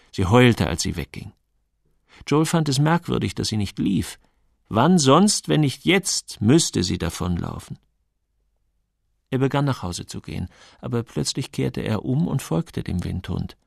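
Guy narrating an audiobook, gravelly, lots of melody, dry close mic. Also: lowish voice, sing-song, unhurried, no room sound. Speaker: audiobook reader. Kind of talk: scripted narration.

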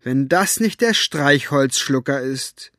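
A man voicing a sharp-tongued, bossy older woman who calls out loud, commanding and mocking. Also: mid-range voice, lively intonation, slow pace, no echo, studio quality, pitched above the performer's own voice.

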